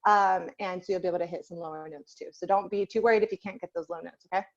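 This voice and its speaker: A young woman runs an online singing class for kids, her voice fairly low and her intonation fairly even as she talks quickly. She's chatty and encouraging, peppering her speech with fillers. It comes through dull, lo-fi video call audio.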